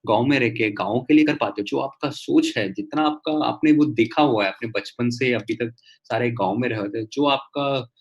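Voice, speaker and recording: A man's voice: medium pitch, normal speed, highs cut off. A man talking casually as a guest entrepreneur on a video call, with many fillers and restarts.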